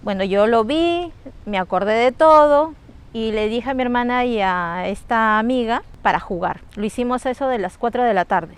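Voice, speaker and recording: A woman with a Peruvian Spanish accent calmly recounting a childhood paranormal memory, explaining steps with small slips. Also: a little high, normal speed, smooth. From Peru. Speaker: storyteller sharing a personal experience. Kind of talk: casual spoken anecdote.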